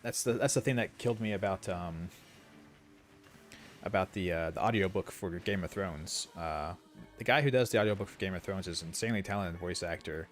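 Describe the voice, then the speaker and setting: A man's voice: low-pitched, a little fast, faint music behind. A man streaming a video game, giving casual commentary with rambling, opinionated asides. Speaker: gaming streamer.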